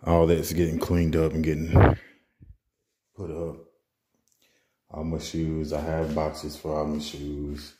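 A man's voice: extremely low pitch, monotone, slow pace, long pauses, heavy background noise. A young man vlogging casually at home in his apartment, rambling in slang while moving furniture and a bit out of breath. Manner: laid-back, rambling with slang and restarts. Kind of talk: casual vlog chat. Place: apartment bedroom, indoors.

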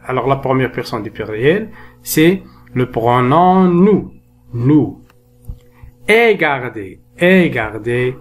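A man teaching a bilingual grammar lesson. He says example words slowly and repeats them, then explains briskly. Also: mid-range voice, a little hiss or hum. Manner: switches between slow, drawn-out spoken French and brisk explanations; repeats words and conjugation lists slowly for dictation. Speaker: French teacher.

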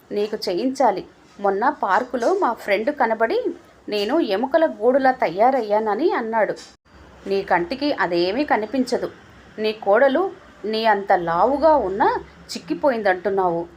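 A woman voicing a suspicious, sharp-tongued old father who taunts his family, in a storybook reading. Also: a little high, lively intonation, unhurried, slightly rough. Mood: bitter taunting. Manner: scolding, taunting.

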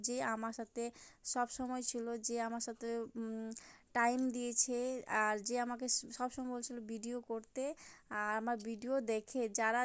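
A woman's voice: a little high, clean tone, no room sound. A young woman narrating her own vlog in a casual, rambling way, with fillers and self-corrections. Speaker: vlogger.

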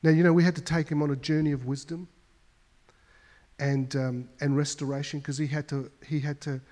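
A man's voice: fairly high pitch, level tone, brisk, darkish tone. A male pastor preaching a sermon, telling a story with emphasis and often repeating words as he goes.

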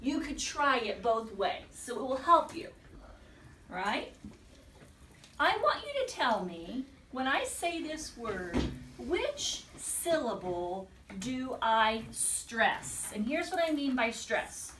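A woman teacher leading a classroom word-study lesson, encouraging and repeating words slowly and deliberately. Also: fairly high pitch, very animated, fairly bright tone, slight background noise. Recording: echoey classroom from far off.

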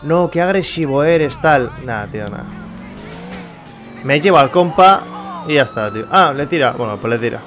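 This young gameplay streamer talks with a Spain Spanish accent, cursing frequently and scolding the game's characters in exasperation. His voice is fairly high and bright, with lively intonation and a moderate pace; game car sounds and faint music play behind him.

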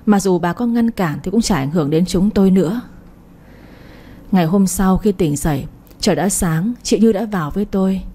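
A woman reading a late-night romance story in the first person, soft and emotional. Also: mid-range voice, normal speed. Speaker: audiobook storyteller.

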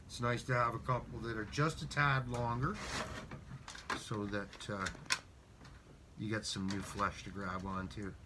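Man in his 50s, DIY work-along chatter, loud shop noise under the voice. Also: fairly low pitch, fairly even intonation, unhurried, pauses often. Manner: chatty, mutters to himself while working. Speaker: DIY sled restorer. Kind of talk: casual work-along narration. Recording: loud workshop noise behind voice.

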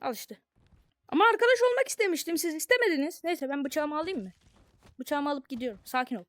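A young woman streamer from Turkey talks through her virtual reality gameplay in a very high, lively voice. She teases the characters in a mock-friendly way and breaks into shouts. The sound is dry and close. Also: fast talker, no echo. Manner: playful, mock-friendly taunting, bursts of shouting. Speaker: gaming streamer. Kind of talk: casual VR gameplay commentary.

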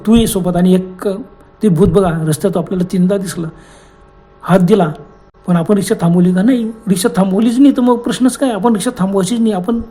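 A man voicing a shaken rickshaw driver snaps short, insistent orders in a fairly high, mellow voice. He sounds tense and set on keeping going, in a spoken village horror tale. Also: close to an everyday voice. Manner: curt, insistent. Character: frightened young male rickshaw driver.

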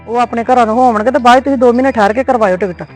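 A woman's voice: fairly high pitch, fairly even intonation, racing, darkish tone, soft background music, close to an everyday voice. A woman playing a young wife in a web series drama, placating but firm as she talks on the phone. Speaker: daughter-in-law.

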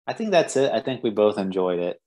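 A man co-hosting a film podcast in relaxed casual chat, chuckling between loose phrases. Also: on the low side, fairly quick. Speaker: podcast co-host.

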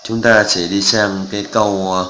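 A man's voice: fairly low pitch, little pitch movement, normal speed, pushed and bright, roomy sound, a little hiss or hum, poor audio. A male math teacher, walking through exam answers step by step and often checking that students follow. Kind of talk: exam walkthrough lesson.

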